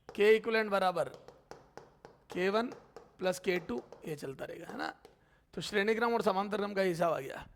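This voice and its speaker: At the board, a male physics teacher works through a lecture in a high voice with a gravelly, creaky edge. He fondly calls students "beta," poses their questions and answers them himself, and slowly repeats and drags out terms as he writes.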